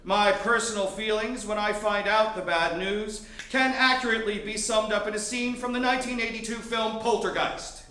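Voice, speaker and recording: Wry high-voiced man telling a story onstage. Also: steady tone, normal speed, hardly any pauses, sharp tone, echoey room. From Miami. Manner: wry, sardonic, building to mock outbursts. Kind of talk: live storytelling performance. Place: theater stage.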